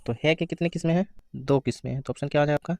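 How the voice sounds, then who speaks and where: A man giving an exam-prep grammar lesson, asking questions and answering them himself, reading out the answer options slowly. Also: fairly high pitch, fairly even intonation, dark tone, no echo. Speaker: teacher.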